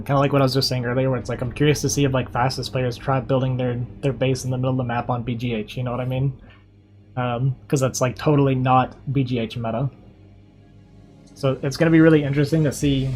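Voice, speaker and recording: In a mid-range, slightly mellow voice, a young man streams from his computer, chatting casually. He's a streamer and caster whose upbeat livestream talk rambles with lots of fillers, and his voice sounds worn out.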